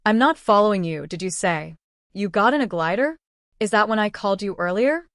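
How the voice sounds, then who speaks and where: A man's voice: high voice, animated, brisk, fairly bright tone, dry recording, studio quality. A man voicing a puzzled woman on the phone, asking confused questions.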